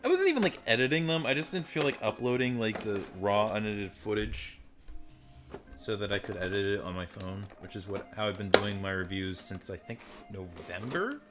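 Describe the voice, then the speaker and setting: Over loud music, a man with a deep voice reviews toys in a casual unboxing chat, animated and at normal speed. He rambles, puts himself down, and swears offhandedly. His audio comes from a desk microphone and a phone mic.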